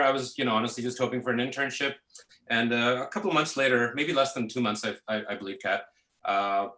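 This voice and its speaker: A man in his thirties from Pakistan talks through his career in a relaxed, chatty way, filling pauses with "uh" and "you know." His voice is bright and forward. It sounds echoey, as if recorded in an open room over a video call. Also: mid-range voice. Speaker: guest, visual effects artist. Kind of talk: casual interview answers.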